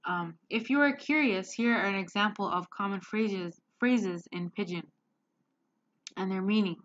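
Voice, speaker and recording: A woman giving a class presentation on slides, hesitant and filling pauses with many ums. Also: mid-range voice. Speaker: student presenter. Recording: dull lo-fi sound.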